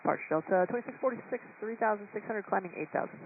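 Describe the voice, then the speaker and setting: A man as an airline pilot over the aircraft radio, giving clipped, rapid readbacks. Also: sits high. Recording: tinny radio band with hiss.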